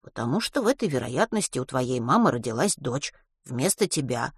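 A woman's voice: a bass voice, very animated, brisk, slightly rough, no room sound, studio quality, voice pushed down, heavily acted. Woman playing a timid mumbling schoolboy. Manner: quiet, hesitant, mumbling. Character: timid unlucky quiet schoolboy.

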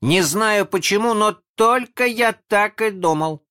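A man voicing an eager lost boy in a raised, higher voice. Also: big pitch swings, moderate pace, lightly acted.

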